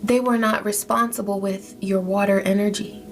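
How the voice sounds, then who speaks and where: Speaking at a moderate pace in a medium-pitched, steady voice, a woman tarot reader offers a spiritual reading. Her manner toward the listener is soothing and affirming, and music plays behind her.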